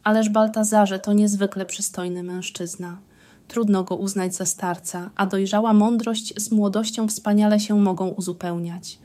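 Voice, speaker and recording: A gushing, emphatic countess full of enthusiasm, as a woman reads her in an audiobook. The voice is mellow and darker, and the pitch sits in the middle. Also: steady tone, moderate pace, lightly acted. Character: effusive, doting aristocratic countess and wife.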